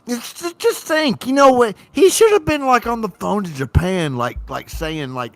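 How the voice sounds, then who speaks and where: A man chatting on a livestream in an animated, jokey way, full of fillers. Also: sits high, normal speed, no echo. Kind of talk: casual chat on a livestream.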